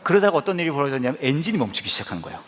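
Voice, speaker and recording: A man's voice: a little high, sing-song, racing, a bit bright, slight background noise. A man in his forties preaching a sermon, telling a personal story animatedly and acting out his own reactions. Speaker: pastor.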